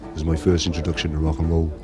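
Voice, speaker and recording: A middle-aged Irish man, the band's frontman, rambles through a casual interview with constant "you know" fillers. His voice is extremely low, monotone and very fast, heard over music.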